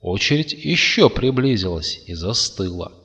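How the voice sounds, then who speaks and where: A man narrating a story in a calm, even reading voice. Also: fairly low pitch, normal speed. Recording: long reverb.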